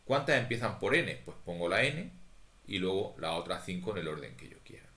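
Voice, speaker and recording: Deep-voiced man teaching math. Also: sing-song, a little fast, sharp tone, roomy sound. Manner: methodical, thinks aloud, talks to students. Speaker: statistics teacher. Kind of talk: recorded lecture walking through exercises.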